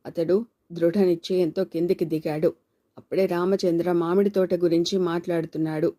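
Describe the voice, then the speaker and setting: A woman narrating a novel for an audiobook, steady and measured. Her voice sits low and sounds mellow and warm. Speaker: storyteller.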